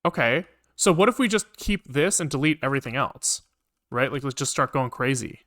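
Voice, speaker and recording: This man's medium-pitched voice is a bit bright with lively intonation at a normal speed, recorded at studio quality with no echo. Livestreaming his coding, he thinks aloud casually, talks to himself, repeats phrases and swears now and again while keys are typed and clicked.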